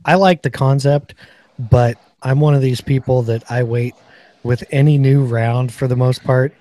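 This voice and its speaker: Man, podcast host, casual chat, mellow tone, dry sound. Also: medium pitch, steady tone, moderate pace, no room sound. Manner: chatty, reads off product specs. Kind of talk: casual gun review chat.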